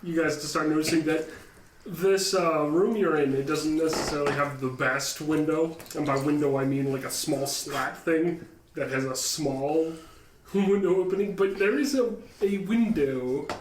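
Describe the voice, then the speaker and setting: A man's voice: on the high side, normal speed. A man running a tabletop game as game master, talking loosely with fillers and laughs. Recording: roomy, distant mic, background noise.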